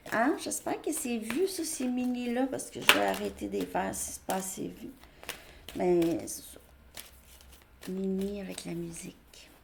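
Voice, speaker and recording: A woman's voice: fairly high pitch, creaky, background noise. A woman giving a casual tarot reading to camera, chatty and repeating herself as she thinks aloud while drawing cards. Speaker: tarot reader.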